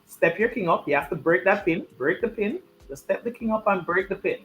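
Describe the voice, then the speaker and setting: A man's voice: high voice, lively intonation, fairly quick, dull audio, a little hiss or hum. A man giving live chess commentary and chatting, repeating his key points for emphasis.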